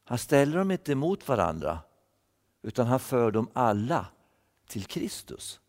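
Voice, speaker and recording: A man's voice: medium pitch, big pitch swings, vocal fry, a little mellow, long reverb tail. A man giving a thoughtful Bible-teaching sermon, repeating words as he explains. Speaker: preacher.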